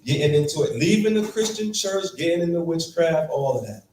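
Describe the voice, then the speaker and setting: A man's voice: a little high, animated, a little fast, a little mellow, slight background noise. A man teaching a Bible class, emphatic and throwing rhetorical questions at his students. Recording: echoey room from far off, faint ambience.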